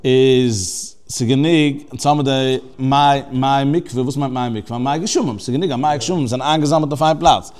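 A man giving a text study lesson, going through scripture phrase by phrase and explaining each Hebrew term. His delivery is conversational, with restarts and fillers. His voice sits at an ordinary middle pitch for a man. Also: brisk, few pauses, a little mellow. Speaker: religious teacher.

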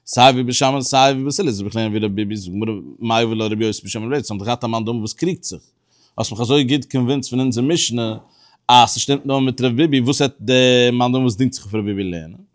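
A man teaching a Talmud study lesson, explaining step by step in a halting way with many restarts and pauses. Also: mid-range voice, steady tone. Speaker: religious teacher.

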